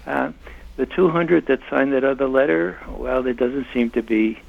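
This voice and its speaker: A man's voice: mid-range voice, moderate pace, gravelly, narrow, tinny audio. An older man, a former intelligence analyst, speaking as an interview guest in an impassioned, emphatic way. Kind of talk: conversational interview.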